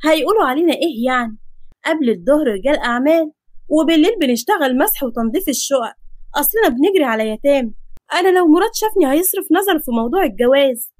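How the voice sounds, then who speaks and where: A woman's voice: high voice, expressive, very fast, darkish tone, no echo, clean studio sound. A woman with an Egyptian accent voicing a playful young granddaughter who whines and pleads. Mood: joking. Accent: Egyptian Arabic. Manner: whining, pleading.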